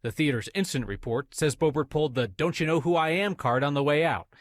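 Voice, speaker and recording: A man reading a scripted news report in a measured, matter-of-fact way. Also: on the high side, dry recording.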